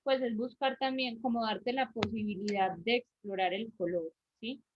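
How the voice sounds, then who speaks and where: A woman teacher with an Antioquian Colombian accent guides an online drawing class, talking through each step and pausing to ask whether everyone follows. Her voice sits a little high. It comes through a muffled video-call line. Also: steady tone, slight background noise. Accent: Colombian Spanish, Antioquia. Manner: explains step by step, checks in with frequent "¿sí?" and "¿cierto?".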